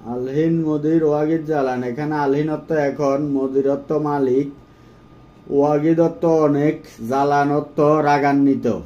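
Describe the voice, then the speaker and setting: A man giving a phrase-by-phrase language lesson, saying each phrase and then repeating it slowly and carefully. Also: fairly high pitch, level tone, mellow, dull audio. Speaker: language teacher.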